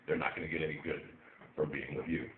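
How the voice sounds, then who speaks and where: A male comedian doing a stand-up set in a small bookstore, with offbeat deadpan delivery that breaks into loud yelled bits. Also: extremely low pitch, fast talker. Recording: phone-like, echoey, faint hiss.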